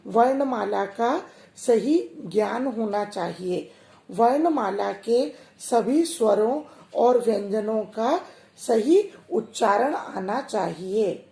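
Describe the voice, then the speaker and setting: Slow, gravelly-voiced woman teacher. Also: on the high side, mellow. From India. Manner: slow, explanatory, addresses pupils directly. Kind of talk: classroom lesson for children. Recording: echoey room.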